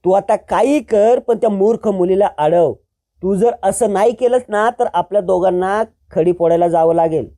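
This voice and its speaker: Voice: medium pitch, moderate pace, dark tone, close to an everyday voice. A storyteller voicing a scheming man in a family drama, who talks in a coaxing, bossy way.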